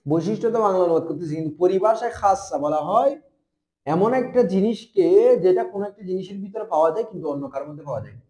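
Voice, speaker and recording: A young man with a Bangladeshi Bengali accent teaching a grammar lesson, asking questions and answering them himself, and repeating terms slowly. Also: sits high, lively intonation, warm tone, roomy sound. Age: young adult. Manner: spells out letters and repeats terms.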